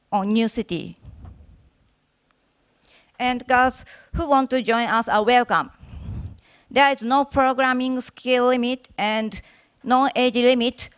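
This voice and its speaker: Casting: woman, Japanese accent, highish smooth voice, careful halting delivery of a prepared short talk. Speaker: conference speaker, workshop organizer. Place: conference stage.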